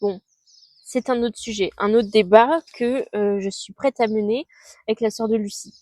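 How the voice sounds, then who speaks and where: Chatty young woman vlogging, mellow voice. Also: medium pitch, steady tone, normal speed, no room sound. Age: 20s. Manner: chatty and scattered, with youthful slang and many fillers. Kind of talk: casual monthly recap vlog. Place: outdoors under a tree.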